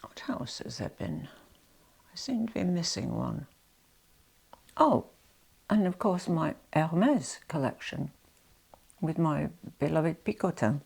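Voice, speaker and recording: A woman with a low, gravelly, breathy voice talks slowly in a sing-song way, pausing often, as she shows off her handbag collection in a vlog. She has a head cold that makes her sound nasal, and she rambles with lots of "you know" asides, sometimes dropping to soft near-whispers.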